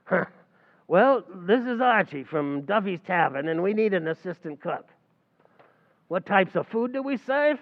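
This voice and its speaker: For an old-time radio comedy recreation, a man takes on the role of a cocky, plotting tavern manager prone to wisecracks and malapropisms. His high voice is expressive and moves at a measured pace, with a tinny, phone-like sound.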